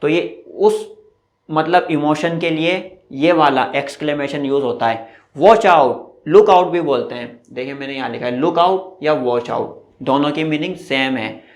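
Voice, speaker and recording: A man teaching an English grammar lesson slowly and deliberately, mixing in English example phrases. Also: on the high side. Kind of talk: slow classroom-style lesson. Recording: echoey room.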